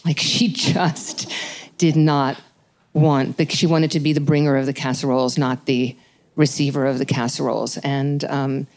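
A woman hosts a live onstage conversation at a bookstore taping, in a low voice. She talks in a thoughtful, searching way and often circles back over her words. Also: level tone, a little mellow. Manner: thoughtful, searching, with halting restarts. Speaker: podcast host.

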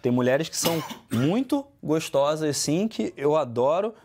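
A man's voice: fairly high pitch, expressive, unhurried, a little mellow, a little hiss or hum. A man with a Brazilian Portuguese accent, hosting a casual chat and giving earnest advice. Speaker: host.

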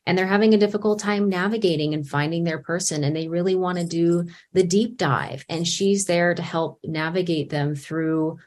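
A woman with a low, calm voice speaks in an interview. She talks earnestly about the work being done with clients. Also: moderate pace, hardly any pauses.

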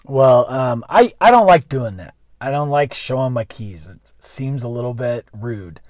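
A man's voice: medium pitch, lively intonation, a little slow, darkish tone, dry recording, studio quality. A man, a school bus driver, telling a story in a casual, rambling monologue full of restarts and self-corrections.

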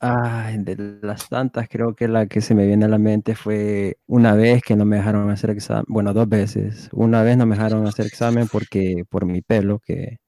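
A man's voice: lowish voice, level tone, moderate pace, few pauses, warm tone. A young man, telling a story in casual podcast chat and laughing as he talks. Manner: storytelling, laughs while talking. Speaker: podcast co-host.

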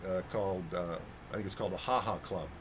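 A man's voice: low voice, quick pace, slight background noise. A man co-hosting a radio show, telling a rambling anecdote with fillers in casual chat.

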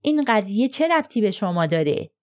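In a mid-range, sing-song voice with a darkish tone, the woman sounds natural as she plays a reserved young man in an audiobook. His replies to questioning stay short and guarded.

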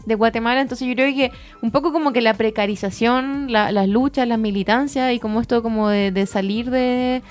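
A woman co-hosts a casual chat. She speaks thoughtfully, often pausing to find the right words. Her voice is fairly high, with faint music underneath. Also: steady tone. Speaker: podcast co-host. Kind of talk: casual conversation.

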